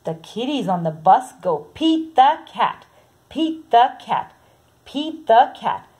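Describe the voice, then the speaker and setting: A woman reading a children's picture book aloud in a slow, sing-song way, saying the repeated sounds softly. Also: on the high side, sing-song, husky. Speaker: storybook reader.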